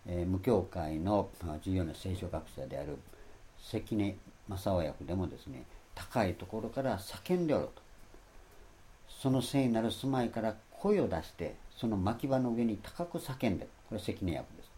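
A man giving a Bible lecture in a rambling sermon style, stressing his points and loudly acting out the phrases he quotes. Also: sits low, expressive, normal speed. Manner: rambling, repeats himself. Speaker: Bible teacher.

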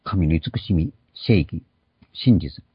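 A man's voice: low voice, lively intonation, slow pace, husky, dry recording. An older man preaching an earnest sermon, explaining and stressing key words. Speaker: pastor. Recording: dull lo-fi recording.

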